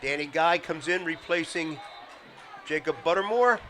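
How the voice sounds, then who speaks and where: A man calling live high school football play-by-play in measured calls that rise for big plays. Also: bright, forceful tone. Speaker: play-by-play announcer. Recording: outdoor broadcast with crowd and noise.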